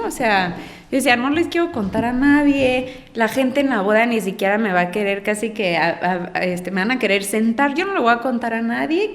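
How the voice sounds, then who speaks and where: A woman's voice: mid-range voice, in a large hall. A Mexican woman in her thirties telling a personal story in a podcast conversation, chatty, with many fillers and tag questions.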